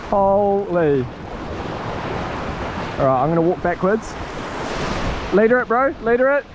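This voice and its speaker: A man with a broad New Zealand accent hosting a casual fishing vlog from a rocky coast in a slangy, excitable, matey way. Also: high voice, takes it slowly, muffled recording. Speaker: fishing show host. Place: outdoors on a rocky coastal ledge. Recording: noisy outdoors with sea and surf. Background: waves and surf.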